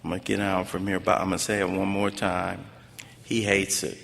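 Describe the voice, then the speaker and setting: A low-voiced man from Los Angeles speaks completely flat and brisk, with vocal fry and a fairly bright tone. At a recovery fellowship convention, he gives an emphatic, preacher-like personal testimony in colloquial English, repeating phrases. The large conference hall's echoey PA picks up background noise.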